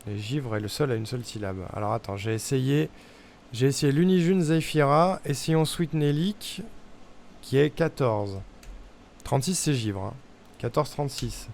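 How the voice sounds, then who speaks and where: A man's voice: mid-range voice, normal speed, vocal fry, darkish tone, a little hiss or hum. A young man streaming a puzzle game, thinking aloud in casual chat as he tests guesses and mutters to himself. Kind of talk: casual live-stream commentary.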